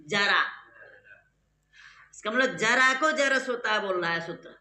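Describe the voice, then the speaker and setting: Teacher, bright and clear, patient step-by-step explainer who keeps quizzing the class; echoey room. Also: mid-range voice, lively intonation, unhurried. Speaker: Sanskrit grammar teacher. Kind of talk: classroom lecture.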